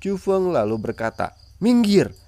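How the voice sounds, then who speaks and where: A man narrating a comic-chapter recap as channel host, in a steady storytelling manner. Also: lowish voice, moderate pace, dry recording. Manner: steady storytelling, friendly sign-off appeals.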